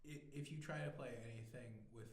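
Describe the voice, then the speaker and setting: A man's voice: medium pitch, fairly even intonation, fast. Young man, teasing, crude jokes, casual chat, echoey room. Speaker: podcast co-host. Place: small studio room. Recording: echoey room, faint hiss.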